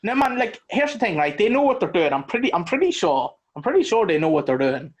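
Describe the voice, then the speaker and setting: A man co-hosting a podcast, chatting casually about a movie in a blunt, animated way and swearing freely. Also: high voice, fast. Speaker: podcast co-host. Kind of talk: casual movie review chat.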